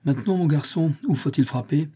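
Man reading as a harsh commanding centurion, loud, husky, dark timbre. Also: fairly high pitch, brisk, voice pushed up. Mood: menacing. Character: menacing, mocking male Roman centurion.

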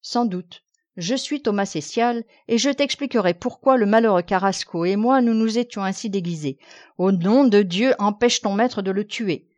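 A woman's voice: mid-range voice, normal speed, darkish tone, voice pushed up, natural voice. A woman voicing a frightened male squire who pleads insistently, on a dull lo-fi recording. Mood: pleading.

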